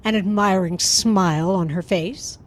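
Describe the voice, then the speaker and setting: Lady narrator reading a radio play, mid voice, measured. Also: medium pitch. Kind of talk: scripted narration of a radio drama.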